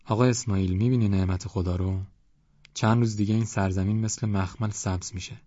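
A man voicing an older male cleric, calm and pious, who speaks in a serene, measured, preaching way. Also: on the low side, no echo, lo-fi sound, lightly acted.

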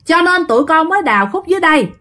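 A woman's voice: very high voice, expressive, rapid-fire, bright, forceful tone, voice pushed up, exaggerated voice. A woman voicing young male gravediggers who explain themselves deferentially.

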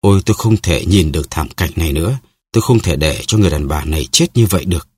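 Man reading young swordsman, earnest, anguished, low husky voice. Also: lively intonation, fast, darkish tone.

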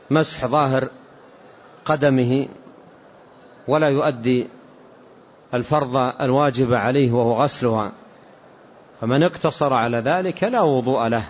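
A man teaching as a sheikh, explaining hadith in a measured way and repeating key points. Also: medium pitch. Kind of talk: religious lesson commentary. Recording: dull lo-fi lecture recording with faint hiss.

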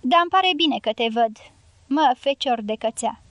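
A woman's voice: on the high side, expressive, a bit bright, no room sound, muffled recording. A woman reading the part of a resolute young male dynamiter in an audiobook, speaking firmly and steadily.

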